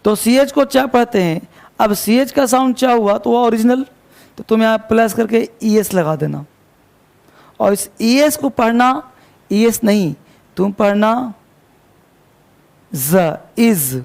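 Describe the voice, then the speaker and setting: In a classroom grammar lesson, a male English teacher with a Hindi-speaking North Indian accent spells words out letter by letter and answers his own questions to the students. His voice is very high, creaky and darkish in tone, and he takes his time.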